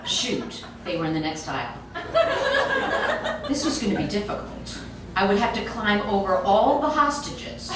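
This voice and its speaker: Captured by a faraway mic in a very echoey room, a woman reads a comic story aloud in an animated, expressive way. Her voice is mid-range and her speed normal, and the recording is noisy.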